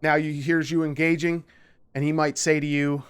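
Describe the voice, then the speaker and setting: A man with a slightly high, clear, resonant voice hosts a casual gameplay tutorial at normal speed, though his delivery is flat. Chatting loosely over the gameplay, he explains radio calls and teamwork, acts out sample calls, and often checks in with "okay?"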